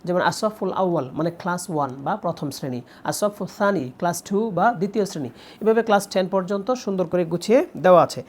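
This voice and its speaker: A young woman presents her own book in a promotional talk, explaining step by step with frequent drawn-out pauses. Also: lowish voice, a little mellow, slight background noise.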